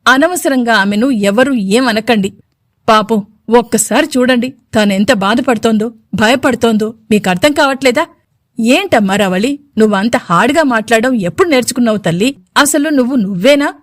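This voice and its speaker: A man's voice: very high-pitched, moderate pace, no room sound, studio quality. A woman voicing an elderly grandfather in a storybook, speaking in a trembling, emotional way. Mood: stern. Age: older. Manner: trembling, tearful pleading.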